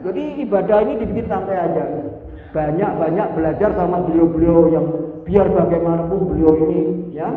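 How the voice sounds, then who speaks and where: An older man giving a lively, joking sermon and putting questions to the listeners. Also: fairly high pitch. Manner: lively, jokey, questions the audience. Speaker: preacher. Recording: echoey hall, far from mic, tinny.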